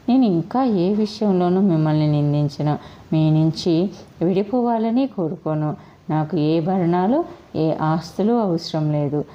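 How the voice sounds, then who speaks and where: A woman's voice: sits low, lightly acted. A woman voicing a young wife who earnestly apologizes and begs her husband not to leave her, read in a storybook style. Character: young wife, remorseful and pleading. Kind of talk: storybook reading. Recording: dull lo-fi recording.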